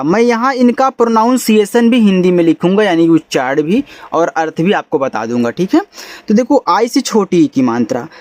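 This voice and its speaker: High-voiced man teaching English, dry close sound. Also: dry recording. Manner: patient explaining; casual and friendly, says bhai and yaar. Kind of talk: spoken lesson.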